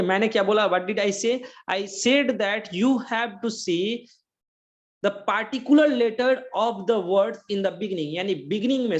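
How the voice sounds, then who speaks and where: In dull audio, a high-pitched man with an Indian accent gives an online English grammar lecture. Switching between Hindi and English, he repeatedly checks that his students understand.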